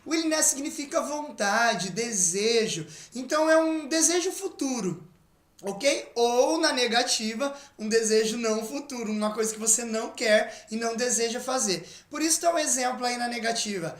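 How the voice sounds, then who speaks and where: A man from Brazil with a Brazilian Portuguese accent, teaching an online English lesson and patiently reading English examples out slowly. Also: very high voice, expressive, echoey room.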